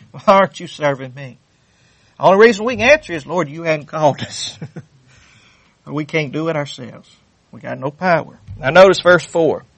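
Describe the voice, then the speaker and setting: A man's voice: a little high, expressive, unhurried, creaky, long pauses, no echo. A man preaching a sermon, fervent and repetitive, reading scripture aloud with rising intensity. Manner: fervent, repeats phrases, reads scripture aloud.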